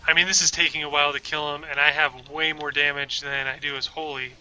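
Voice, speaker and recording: A young man streams a game from his room at home, chatting and rambling to his viewers about what he's doing as he plays. His voice is a little high and fairly flat in pitch, and he talks fast in a pushed, bright way. The desk-mic recording is rough, with a bit of hiss or hum.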